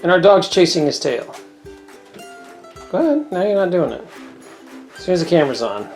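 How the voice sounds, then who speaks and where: A woman's voice: fairly low pitch, very animated, normal speed, a little mellow, soft background music. A woman hosting a cooking video from her home kitchen, chatting in a rambling, storytelling way as she cooks. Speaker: cooking channel host. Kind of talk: casual chat while cooking.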